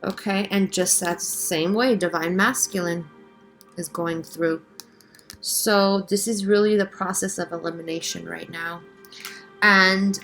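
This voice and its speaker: Offering a casual channeled tarot reading, this spiritual guide speaks haltingly and reflectively, reassuring the listener and frequently checking in. Her medium-pitched voice has a sharp tone, captured in a low-quality recording.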